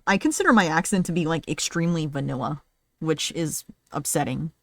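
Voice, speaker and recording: Chatty young woman, low dry voice. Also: a little fast, vocal fry, a bit bright, dry recording. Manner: chatty, playful teasing. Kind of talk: casual chat on a live stream.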